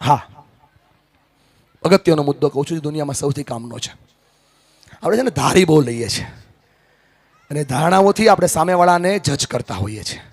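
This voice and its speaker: A male motivational speaker holding a handheld mic, talking live to an audience and switching between loud rousing calls and soft, confiding storytelling. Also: fairly high pitch, animated, normal speed, pauses often, dry recording. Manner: swings from loud rousing calls to soft confiding talk, leads crowd chants. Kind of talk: live motivational speech to a crowd.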